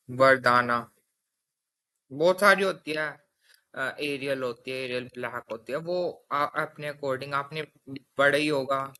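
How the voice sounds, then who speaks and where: A man's voice: medium pitch, pushed and bright, slight background noise. A young man teaching a coding lesson in a casual spoken style, walking through each step and often checking in with his listeners. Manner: explains step by step, often checks with "theek hai".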